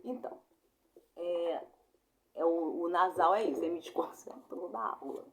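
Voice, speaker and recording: A young Brazilian woman giving a casual online grammar lesson, chatty and informal, apologizing often and spelling sounds out slowly. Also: on the low side, creaky, a little hiss or hum. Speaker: Portuguese teacher.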